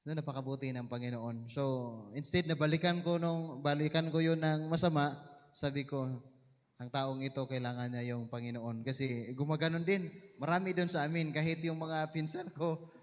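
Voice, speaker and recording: A man with a Visayan accent sharing an animated personal testimony in church, his voice rising at the dramatic moments. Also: a little high, normal speed. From Mindanao, Philippines. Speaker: church member giving testimony. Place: church hall. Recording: echoey church hall.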